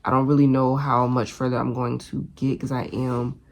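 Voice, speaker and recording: Woman vlogger, very low voice, candid and chatty with casual swearing, tired, bedroom at home. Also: level tone, normal speed, a little mellow. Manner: candid and chatty, swears freely, addresses viewers directly. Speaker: reading vlogger, mother. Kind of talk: casual chat to camera.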